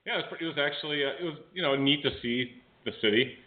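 A man's voice: on the high side, very fast. A man co-hosting a sports talk show, nasal with a cold, rambling with many fillers. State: has a cold. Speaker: co-host. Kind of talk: casual sports radio talk. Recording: tinny phone-like audio.

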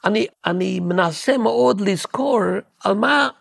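Guest composer, male, very gravelly, slightly high, halting storyteller who keeps hunting for words. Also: a bit bright, no room sound, studio quality. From Williamsburg, New York. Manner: halting, searching for words, many restarts. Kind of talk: casual storytelling interview.

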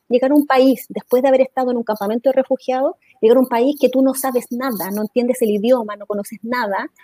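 A woman's voice: fairly high pitch, dark tone, no echo. A Chilean woman with a Chilean accent, speaking as an interview guest in an earnest, impassioned way, often restarting her sentences. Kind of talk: conversational interview.

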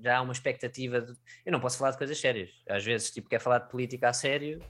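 A man's voice: medium pitch, steady tone, very fast, fairly bright tone. A man chatting casually in a colloquial, slangy, sweary way. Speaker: stand-up comedian. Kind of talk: casual chat.

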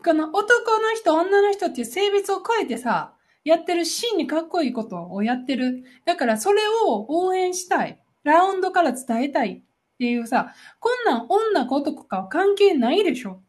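A woman with a Kansai accent chats casually in a high voice that swoops all over. She talks in a teasing, quick way. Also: big pitch swings, a little mellow. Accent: Kansai Japanese. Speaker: podcast co-host. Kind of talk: casual chat.

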